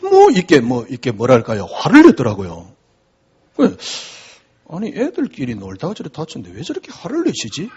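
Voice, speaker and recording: Lively, husky-voiced Korean pastor preaching. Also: male voice, on the high side, fairly quick, lo-fi sound. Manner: conversational preaching with rhetorical questions. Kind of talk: sermon.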